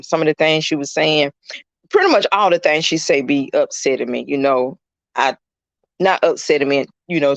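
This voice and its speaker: A man's voice: fairly high pitch, dry recording, lo-fi sound. Chatty middle-aged man, livestreaming. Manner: chatty and rambling, fills talk with "you know" and greets viewers by name. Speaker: caregiver streaming live. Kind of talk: casual livestream chat. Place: indoors at a client's home.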